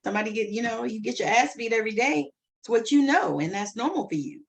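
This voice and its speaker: A woman's voice: fairly high pitch, lively intonation, fast talker, vocal fry, slight background noise. A middle-aged woman in casual podcast conversation, talking bluntly and emphatically.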